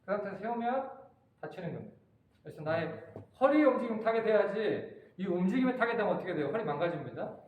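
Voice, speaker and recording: A male instructor with a high voice runs a hands-on training demonstration, giving short directive cues to volunteers. The sound is very echoey, with a faint hum of room noise behind him. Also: animated, quick pace, narrow, tinny audio.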